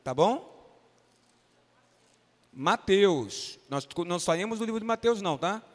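A man's voice: high voice, lively intonation, a little slow. A man with a Brazilian Portuguese accent, a pastor leading an interactive Bible lesson for children in a church and coaxing them by name to answer. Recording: reverberant church hall.

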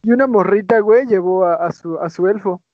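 High-voiced wisecracking Mexican man, muffled. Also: a little fast, dry recording. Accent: Mexican Spanish. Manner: crude, wisecracking. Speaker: podcast co-host. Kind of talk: casual chat.

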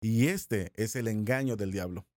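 A middle-aged man with a Mexican Spanish accent teaching a recorded Bible lesson in a small studio, talking conversationally and slowing down to repeat phrases for emphasis. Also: fairly low pitch, darkish tone, no echo.

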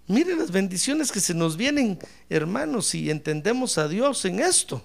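A man's voice: high-pitched, big pitch swings, normal speed, vocal fry. A man preaching a sermon as pastor, calling out praise and addressing listeners as brother. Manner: fiery preaching, shouting praise.

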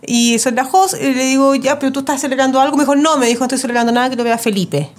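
A woman's voice: high-pitched, rapid-fire. A young adult woman with a Chilean accent, a stand-up comedian telling stories in casual chat, acting out the voices of people in them. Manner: animated storyteller, acts out voices.

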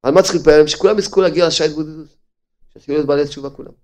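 Rabbi preaching with hammering rhetorical questions. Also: male voice, on the high side. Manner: hammering rhetorical questions, swings from loud to hushed. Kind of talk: sermon.

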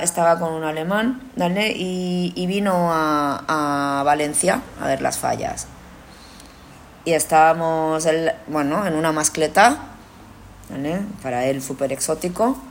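Speaking in a low-pitched voice at a measured pace, a woman from Spain hosts a casual podcast, bluntly recounting stories with swearing and acted-out dialogue. There is slight background noise.

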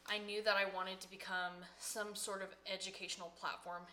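A woman's voice: mid-range voice, level tone, moderate pace, sharp tone, slight background noise. A woman hairstylist co-hosting a podcast from home, giving casual advice with many fillers. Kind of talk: casual chat.

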